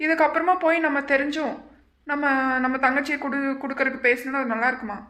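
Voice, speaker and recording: Fast, troubled cartoon husband. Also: female voice, high-pitched, fairly even intonation, bright, forceful tone. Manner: troubled, brooding. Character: worried husband and older brother. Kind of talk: cartoon family drama.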